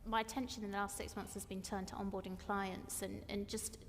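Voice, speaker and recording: A woman explains her firm's processes in a steady, measured way. Her voice has an even, flat delivery with plenty of vocal fry, carried on a long hall reverb over faint room noise. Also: mid-range voice. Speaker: panelist, law firm staff. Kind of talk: panel discussion.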